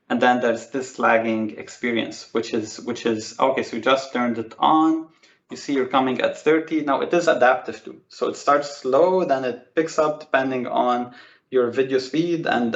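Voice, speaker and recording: A man explains network and video metrics over a video call with steady enthusiasm. He repeats himself and keeps calling the numbers amazing. His voice sounds echoey and slightly muffled through the call. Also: medium pitch. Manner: enthusiastic, repeats words, says "amazing" often. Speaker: Microsoft Teams expert guest. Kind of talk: casual technical walkthrough on a video call. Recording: roomy, dull lo-fi call audio.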